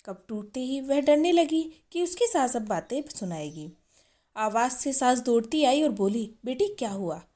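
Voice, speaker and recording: A woman narrating a scripted storybook tale in a plain, even storytelling manner. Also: high voice, unhurried.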